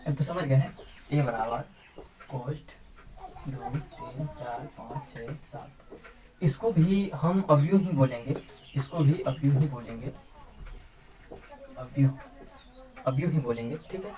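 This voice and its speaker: A woman teaching a math lesson, explaining slowly and repeating key terms over and over. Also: extremely low pitch, crowd noise, low-quality recording. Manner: repeats words and says "ठीक है" often, slow deliberate explaining. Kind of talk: classroom-style math lesson.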